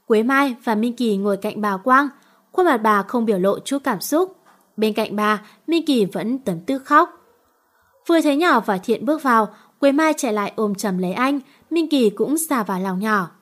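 A woman reading a romance novel aloud in steady storytelling. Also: on the high side, moderate pace. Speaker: narrator.

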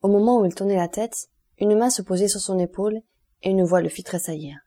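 A woman narrating a classic novel as an audiobook, in a steady, even reading manner. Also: mid-range voice, brisk. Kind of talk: scripted literary narration.

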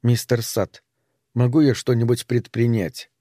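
Serene woman speaking evenly, read by a male narrator in his own dark voice. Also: medium pitch, a little slow, no room sound, studio quality, lightly acted. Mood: calm. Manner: calm and even. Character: calm serene young woman, composed.

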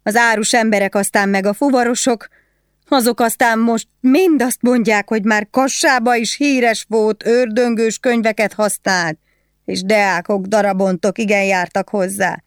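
A woman reader voicing a coarse fiddler's wife locked in a cell, begging and screeching curses in a raised, shrill voice. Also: fairly even intonation, clear, resonant tone, dry recording, studio quality, lightly acted. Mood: gossiping. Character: wailing, coarse fiddler's wife, shrieking prisoner. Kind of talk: audiobook character voice.

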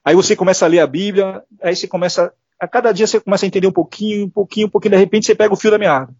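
A man's voice: high voice, fairly even intonation, very fast, a little mellow, slightly rough, no echo. A middle-aged Brazilian man telling earnest personal stories as an interview guest, acting out the voices he quotes. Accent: Brazilian Portuguese. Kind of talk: casual interview testimony. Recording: dull lo-fi dry sound.

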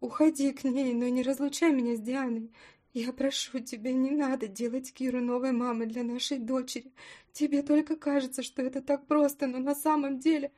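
A woman's voice: sits high, little pitch movement, fairly quick, warm tone, voice pushed up. A woman narrator voices a heartbroken young wife pleading in a raised voice. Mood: desperate. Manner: pleading, rising to desperate cries.

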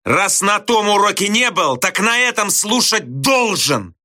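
A man voicing an irate, hot-tempered male geography teacher who barks and shouts at a pupil, in an audiobook. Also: sits high, sing-song, a little slow, pitched above the performer's own voice, heavily acted. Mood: furious. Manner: barking, shouting. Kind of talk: audiobook character voice.

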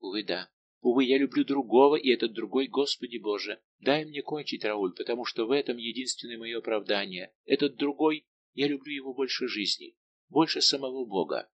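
A man's voice: medium pitch, brisk, highs cut off, natural voice. Man voicing a tearful pleading noblewoman. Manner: emotional, imploring. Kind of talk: audiobook dialogue reading.

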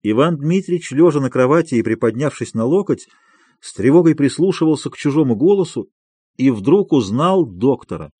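A man narrating a classic novel as an audiobook reader, expressive and measured. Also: mid-range voice, husky, no echo. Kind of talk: scripted literary narration.

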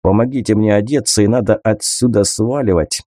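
A man's voice: on the low side, a little fast, dark tone, no echo, lightly acted. A male audiobook reader voicing a sardonic young male army officer who talks in a dry, curt way.

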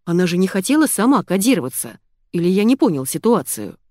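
A woman's voice: fairly low pitch, big pitch swings, fast, a little mellow, no room sound, clean studio sound. A woman voicing a flustered middle-aged police colonel who fusses. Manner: flustered, fussy.

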